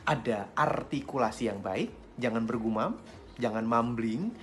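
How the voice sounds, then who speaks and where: A man teaching public speaking in a friendly, lively way, swinging his pitch up and down to show intonation. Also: a little fast, a little hiss or hum. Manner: friendly, chuckles between points. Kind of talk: instructional talk to camera.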